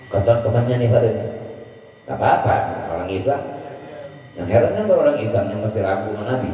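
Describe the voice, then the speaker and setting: A man preaching a storytelling sermon, animated, raising his voice high to act out the characters. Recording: distant echoey hall, dull sound.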